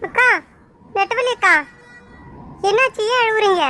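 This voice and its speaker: A woman voicing an outspoken young village girl who talks quickly and scolds in a cartoon. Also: very high voice, sharp tone. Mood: indignant.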